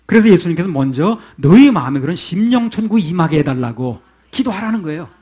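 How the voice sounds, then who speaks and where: A man's voice: sits high, animated, fast talker, mellow, husky. A male pastor preaching a sermon to his congregation in a conversational way, often asking them questions.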